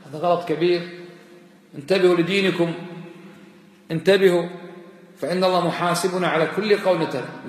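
A man preaching a sermon, admonishing his listeners with rhetorical questions and repeated warnings. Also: fairly high pitch. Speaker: Islamic preacher. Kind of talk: sermon lecture. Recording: echoey hall, long reverb.

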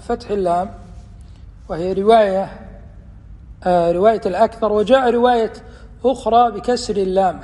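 High-voiced man teaching in a reverberant hall. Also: darkish tone. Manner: measured, deliberate explanation with slow quoted passages. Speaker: Islamic teacher. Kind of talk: religious lesson explaining hadith.

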